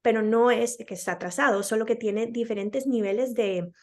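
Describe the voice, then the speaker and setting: Being interviewed, a speech-language pathologist from Colombia patiently explains with examples, her speech marked by a Colombian accent and frequent hesitant fillers. She speaks at a moderate pace in a slightly high voice.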